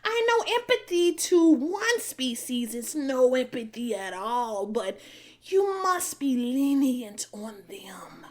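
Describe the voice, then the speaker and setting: A woman voicing an old witch who speaks softly, slowly and patiently. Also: high voice, big pitch swings, exaggerated voice. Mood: gentle, weary. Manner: soft-spoken, slow, lilting.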